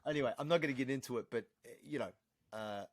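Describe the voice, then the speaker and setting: An Australian man, a podcast guest, chatting casually and telling animated, swear-laced stories. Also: medium pitch, fast, dry recording. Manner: animated storyteller, swears freely.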